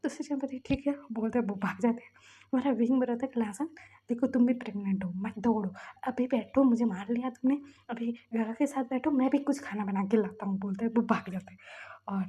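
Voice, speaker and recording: A woman casually retelling a fan fiction story, chatty, jumping into the characters' lines with quick excited bursts and often dropping into a whisper. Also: fairly high pitch, breathy edge. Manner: often drops to a whisper mid-narration.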